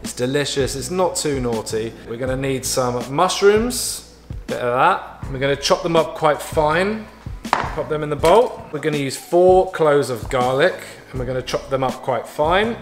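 A man's voice: medium pitch, expressive, normal speed. A man chatting casually as he cooks in his home kitchen, with playful asides and small jokes. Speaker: home cook, vlog regular. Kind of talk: casual cooking walkthrough. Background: background music.

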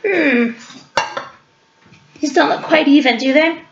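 Her voice sits high and comes out slow and gravelly as she, a library cooking show host, chats through each stage of a home cooking demonstration. A webcam across the counter records the echoey kitchen with dull lo-fi sound and a little hiss or hum.

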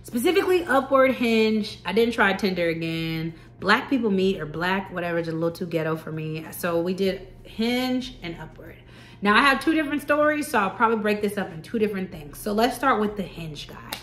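Woman, 30s, casual storytime vlogger, animated and direct with viewers, mid-pitched, echoey room. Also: brisk. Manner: animated, chatty, talks straight to viewers. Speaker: vlogger telling a personal story.

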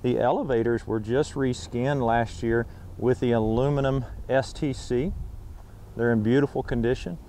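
Faint background noise sits behind a middle-aged man with a medium-pitched voice. He presents like a salesman on a product walkaround, recorded on a lapel mic out at an airfield. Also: fairly even intonation, normal speed, warm tone. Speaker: aircraft salesman presenting a listing. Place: outdoors on an airfield tarmac and inside a small plane cabin.

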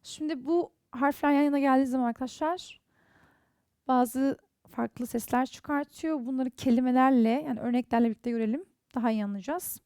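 Turkish-accented woman, english teacher, high voice, mellow tone, reads words out one at a time. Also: clear, resonant tone, dry recording, clean studio sound. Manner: slow, careful, reads out example words one by one. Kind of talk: online language lesson.

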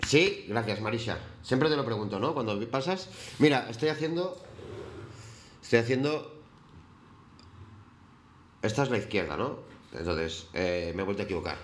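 Brief: male streamer, lowish voice, relaxed and chatty with his viewers. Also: normal speed, pauses often, a little hiss or hum. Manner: chatty, greets viewers by name. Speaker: live-stream host. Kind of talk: casual chat while painting on stream.

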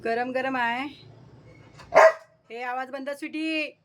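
A woman with a high voice talks in a casual, homely way to her animals, coaxing them to eat and scolding them when they act up. A faint noise hums behind her, and a dog barks now and then. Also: fairly even intonation, slow pace. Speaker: vlogger feeding pets. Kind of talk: casual chat to pets.

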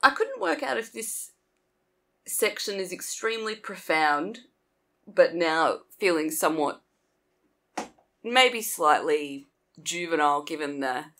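A woman co-hosting a podcast, chatting casually and replying quickly. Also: on the low side, sing-song, pushed and bright. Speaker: podcast co-host. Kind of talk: casual chat.

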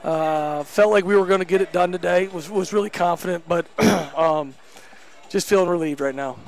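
This is a post-game interview with a head basketball coach, a man in his thirties, recorded on a headset mic at an indoor gym court. His voice is high-pitched and moves at a moderate pace, and he comes across as candid and emphatic, using many fillers.

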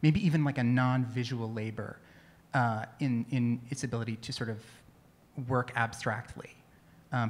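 A man asking a panel a long question, halting and restarting with many fillers. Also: mid-range voice.

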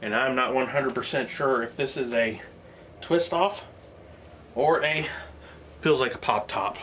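A man talks through a beer tasting in an easygoing, modest way, thinking aloud as he goes. His voice sits at a mid pitch for a man. A faint hum of room ambience stays behind him. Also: a little slow, fairly bright tone. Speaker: beer reviewer. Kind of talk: casual product review vlog.

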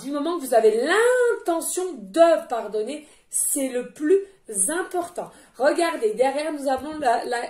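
A woman medium giving a spiritual card reading, gentle and repetitive, often checking in with "d'accord?". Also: sits high. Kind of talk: spoken spiritual guidance reading. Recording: echoey room.

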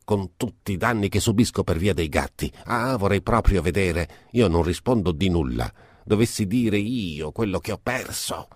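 A man voicing an old impoverished noblewoman with a high, slightly nasal, querulous voice. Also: animated, moderate pace, slightly rough, no echo, studio quality. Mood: indignant. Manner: querulous, self-pitying.

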